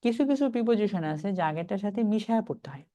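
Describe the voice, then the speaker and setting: A man teaching a live online reading class. He talks chattily, calls out students' names and reads English phrases slowly, bit by bit. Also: sits high, lively intonation, warm tone, highs cut off.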